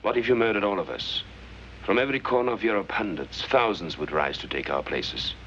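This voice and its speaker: An actor playing a defiant male resistance leader, speaking gravely and without yielding, heard from a 1940s film soundtrack. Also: lowish voice, expressive, brisk, fairly bright tone, dull audio, a little hiss or hum. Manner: grave, unyielding speech.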